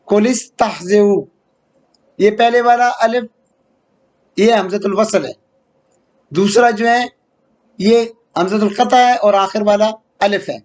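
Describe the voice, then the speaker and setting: A man's voice: sits high, steady tone, long pauses. A man teaching an online grammar lecture, patiently repeating key terms and checking in with rhetorical questions.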